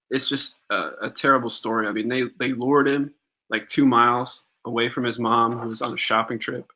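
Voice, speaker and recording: A young podcast co-host with a bright, medium-pitched voice tells a story during a casual live-stream chat. He's relaxed, recounting things with fillers and pauses.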